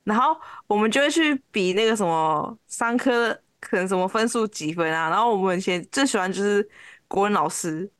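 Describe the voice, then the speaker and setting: A female podcast co-host with a Taiwanese Mandarin accent, rambling easily through school memories with many fillers. Her voice has a middle pitch for a woman. The recording is dry and close, with no room sound. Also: expressive, a little fast, smooth, no echo. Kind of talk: casual storytelling chat.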